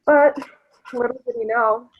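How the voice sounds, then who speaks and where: A woman on a video call telling a story at a memorial in a slow, measured way, heard through a laptop speaker. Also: on the high side, fairly even intonation, husky, narrow, tinny audio. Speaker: family member at a memorial. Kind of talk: telling a story while folding paper.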